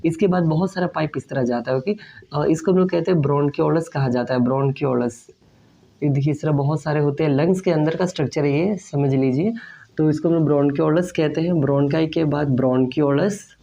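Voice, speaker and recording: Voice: medium pitch, creaky, dark tone. A teacher giving an online class lesson who asks questions and answers them, stretches out key terms and says "okay" often. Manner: explains at a board, asks and answers own questions; slow drawn-out stress on key terms, frequent "okay".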